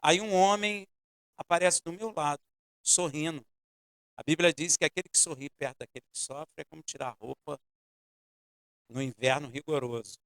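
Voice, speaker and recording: A man's voice: on the high side, normal speed, long pauses, clean tone, no echo, clean studio sound. A man preaching a sermon as pastor, telling a personal story and speaking directly to his congregation. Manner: storytelling with shifting loudness, addresses congregation directly. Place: church.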